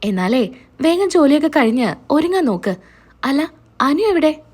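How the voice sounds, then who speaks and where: A woman's voice: high-pitched, sing-song, normal speed, darkish tone. A woman reading the lines of a worried middle-aged family man, reassuring and a little scolding.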